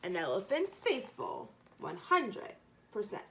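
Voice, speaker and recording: A woman's voice: mid-range voice, huge pitch swings, takes it slowly, gravelly, sharp tone, a little hiss or hum, exaggerated voice. A woman voicing a loyal, patient male elephant from a storybook with earnest, emphatic declarations. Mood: steadfast.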